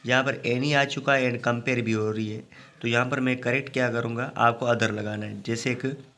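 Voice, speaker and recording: A man teaches a grammar class in a voice of middling pitch. He walks through each rule patiently, pauses to check with his students, and slows right down whenever he reads out an example sentence. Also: fairly even intonation, fairly bright tone. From Pakistan. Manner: explains step by step, often adds a checking "okay".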